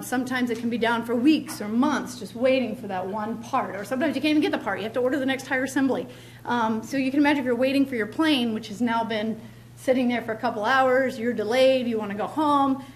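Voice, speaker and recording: A woman's voice: fairly high pitch, fairly quick, a little hiss or hum. Emphatic woman lecturing in a hall. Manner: emphatic, repeats key words, many ums. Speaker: keynote speaker. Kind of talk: lecture at a podium. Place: large law school lecture hall. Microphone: podium mic, filmed from far back.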